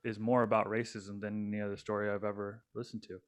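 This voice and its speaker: A man's voice: on the low side, little pitch movement, fast talker, clear, resonant tone. A young man co-hosting a casual podcast, rambling with lots of fillers and restarts. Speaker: podcast co-host.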